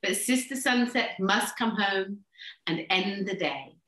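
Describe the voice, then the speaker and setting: A woman's voice: medium pitch, takes it slowly, fairly bright tone, roomy sound. A woman voicing a sly, clever male fox who patiently explains what must be done, in a storybook reading. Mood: knowing.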